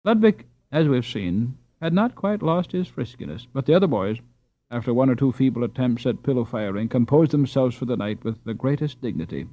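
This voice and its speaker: Reading a children's novel aloud as scripted audiobook narration, a man speaks in a mid-range, expressive voice at a brisk clip. The recording sounds slightly dull and dry.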